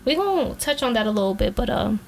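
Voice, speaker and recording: A woman's voice: fairly high pitch, sing-song, fast talker, vocal fry, darkish tone, a little hiss or hum. A woman co-hosting a casual podcast chat, talking in a laid-back, slangy way and laughing often. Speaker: co-host.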